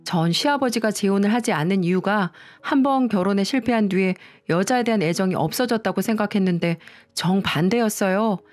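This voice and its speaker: A woman narrating a first-person family story in a calm, confiding way. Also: mid-range voice, a little fast, hardly any pauses, faint music behind.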